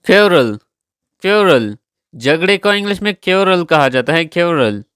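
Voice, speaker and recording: A man's voice: a little high, expressive, normal speed, a bit bright, clear, resonant tone, no echo, studio quality. A man teaching English vocabulary, saying each word several times and spelling it out letter by letter. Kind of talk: slow vocabulary lesson, spelling words letter by letter.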